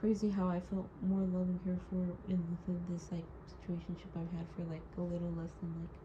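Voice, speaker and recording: A young woman records a personal audio diary, rambling and hesitant, saying "like" constantly, sounding hurt and wry as she holds back tears. Her lowish voice stays monotone and moves a little fast. The lo-fi recording is dull, with clear background noise.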